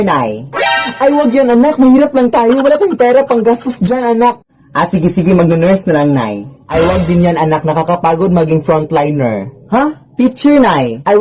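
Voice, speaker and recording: A woman plays a nagging mother in comic skits. Her voice sits at a middle pitch, and clear music runs underneath. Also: a little mellow. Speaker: comedy skit performer. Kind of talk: comic skit acting.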